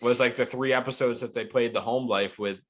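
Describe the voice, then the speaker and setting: A man's voice: medium pitch, fairly even intonation, a little fast, rough recording. A man co-hosting a casual podcast chat, rambling with lots of fillers and swearing. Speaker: podcast co-host.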